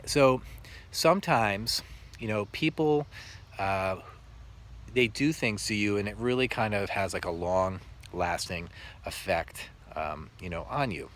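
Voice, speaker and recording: A male teacher telling reflective stories about his work in an earnest, halting way with many pauses. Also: lowish voice, animated, a bit bright. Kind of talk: reflective storytelling monologue.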